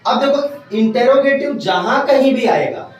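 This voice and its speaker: A male teacher gives a classroom grammar lecture in a fairly high voice. He often pauses to ask whether the class is following. The sound is very echoey and distant, as if the mic is across the room. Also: lo-fi sound, a little hiss or hum. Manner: keeps checking if students understood.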